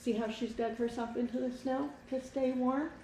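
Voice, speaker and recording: A woman teacher reads a picture book aloud to children with expression, stopping for simple, casual explanations to the class. Her voice sits high with a dark tone, fairly even intonation and normal speed. A distant mic catches roomy echo and faint background noise.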